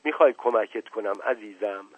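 A man voicing a wailing, melodramatic middle-aged wife with shrill laments, on a storybook radio reading. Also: slightly rough, no room sound. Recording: tinny phone-like old radio broadcast.

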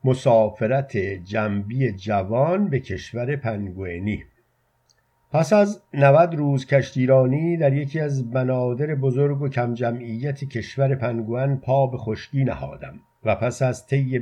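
A man reading a literary story aloud as narrator, with measured, even delivery, in a muffled lo-fi recording. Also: mid-range voice.

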